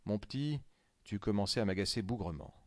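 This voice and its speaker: A man reading a story aloud, voicing a blunt, irritable male friend in a slightly raised, louder voice. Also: fairly low pitch, animated, brisk, no room sound, lightly acted. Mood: gruff. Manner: grumbling, exasperated.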